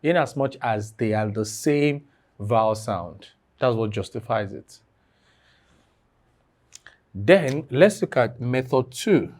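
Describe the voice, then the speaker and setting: A man's voice: medium pitch, lively intonation, slow, long pauses, darkish tone. A man teaching an online exam-prep lesson, repeating key phrases and asking the class fill-in questions.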